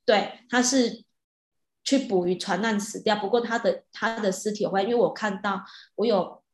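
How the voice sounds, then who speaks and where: A woman tells a personal story casually and with animation, often restarting her sentences. Her voice sits at a middle pitch. It rings with a roomy echo. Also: normal speed. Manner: animated, with frequent restarts and soft fillers. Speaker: hypnotist. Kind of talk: casual storytelling of a past-life regression.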